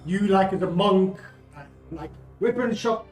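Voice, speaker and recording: A man's voice: high-pitched, a little slow. A man playing a tabletop game, chatting casually and hesitantly as he thinks aloud about his moves. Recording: echoey room, faint music behind.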